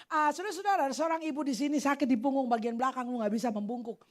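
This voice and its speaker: Animated high-voiced Medan woman pastor. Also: racing. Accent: Medan Indonesian. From Medan, Indonesia. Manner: animated, mixes English phrases, acts out quoted voices. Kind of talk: lively sermon with storytelling. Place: church hall.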